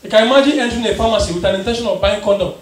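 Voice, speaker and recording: High-voiced Ghanaian comedian on stage. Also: male voice, very fast. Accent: Ghanaian English. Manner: storytelling, acts out the people in his stories, mixes in pidgin. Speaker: stand-up comedian. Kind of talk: stand-up comedy set. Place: live venue with an audience. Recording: echoey room, picked up from a distance.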